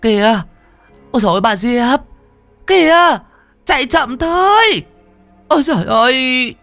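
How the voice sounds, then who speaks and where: A man's voice: animated, unhurried, pushed and bright, soft background music, heavily acted. A man voicing a frantic village woman, shrieking breathless news in a storybook tale. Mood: panicked. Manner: shrill, breathless wailing.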